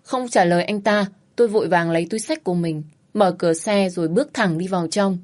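A woman narrating a first-person story in a brisk, wry, conversational way. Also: fairly low pitch, darkish tone.

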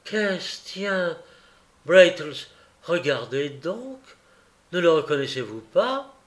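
A man voicing a boastful old male butler in an audiobook, talking loudly and full of self-importance. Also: fairly high pitch, slow pace, pitched above the performer's own voice. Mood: startled. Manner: loud, excited, self-important. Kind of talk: audiobook reading.

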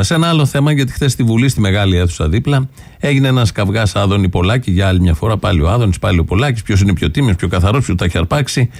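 A man's voice: lowish voice, a little mellow, dry recording. A man hosting a radio political commentary show, sarcastic, listing his points one by one. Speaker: radio host.

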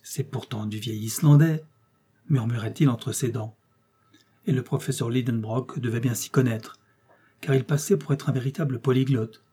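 A man narrating an audiobook in a measured, wry storytelling manner. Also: mid-range voice, fairly even intonation, dark tone, slightly rough. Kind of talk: scripted narration.

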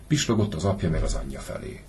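A man narrating a classic short story for an audiobook, measured and even in delivery. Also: very deep voice, a little hiss or hum. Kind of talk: scripted literary narration.

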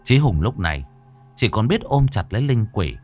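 A man narrating a horror story in a slow, expressive, dramatic manner. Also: fairly low pitch, soft background music.

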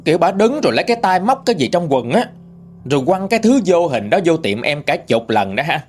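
A man with a Southern Vietnamese accent reading a first-person story in a lively, gossipy way. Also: on the high side, fairly quick. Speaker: ghost story reader.

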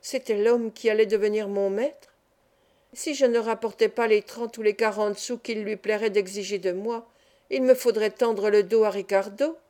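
A woman narrating a classic novel in the first person in a calm, measured way. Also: mid-range voice. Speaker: audiobook reader. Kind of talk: literary audiobook narration.

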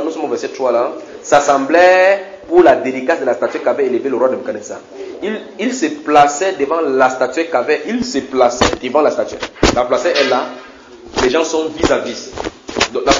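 A man's voice: mid-range voice, echoey room, muffled recording, noisy background. A man preaching a sermon in a church, teaching animatedly with frequent repetitions and questions to the congregation. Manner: animated, repeats words, asks the congregation questions.

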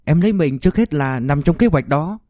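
Torn young mother pleading with her husband, read by a male narrator, raised and mellow, dry audiobook sound. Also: a little high, expressive, fairly quick, dry recording, pitched above the performer's own voice, close to an everyday voice. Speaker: mother, wife of an officer.

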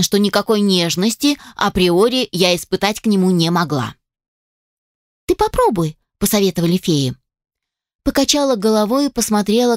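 Expressive woman narrating a fantasy audiobook. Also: medium pitch, no echo. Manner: expressive, lively, voicing many characters. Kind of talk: first-person audiobook narration. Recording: dry close voice.

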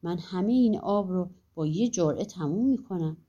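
A woman's voice: fairly low pitch, animated, warm tone, slightly rough, lo-fi sound. A woman voicing an endlessly thirsty man who brags he can drink a lake, in a storybook. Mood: bragging. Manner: bragging.

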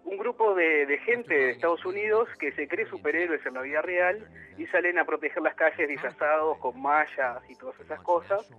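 Caller on a dull phone line. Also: male voice, fairly high pitch, normal speed.

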